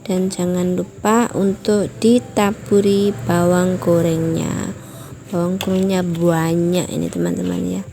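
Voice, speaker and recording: A woman's voice: lowish voice, level tone, measured pace, creaky, noisy background. A woman hosting a home cooking tutorial in her kitchen, chatting to viewers as friends and explaining each step. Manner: apologetic, explanatory asides. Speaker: home cooking channel host. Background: distant loud music from a rehearsal.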